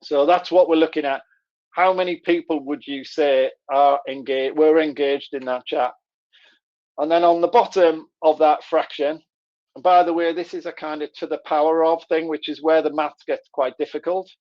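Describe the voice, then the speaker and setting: A man's voice: on the high side, fairly even intonation, normal speed. A man with a Middlesbrough, Teesside accent explaining things conversationally as he presents an online workshop. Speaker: webinar presenter. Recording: dull, lo-fi online call audio.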